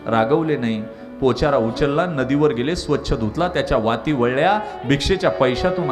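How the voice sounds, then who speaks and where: A man preaching a devotional sermon, telling stories dramatically and swinging from low asides to loud, high climaxes. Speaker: kirtan preacher. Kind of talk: devotional kirtan sermon with storytelling. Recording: live kirtan with instrumental music behind. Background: instrumental music.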